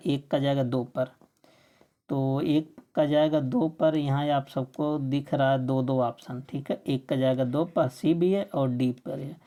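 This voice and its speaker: A woman with a low, mellow voice works through test questions as a coaching teacher. She poses questions aloud and answers them herself, stopping now and then to fix a slip. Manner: asks questions and answers them herself, often saying "theek hai"; corrects her own slips mid-sentence. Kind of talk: explaining quiz answers.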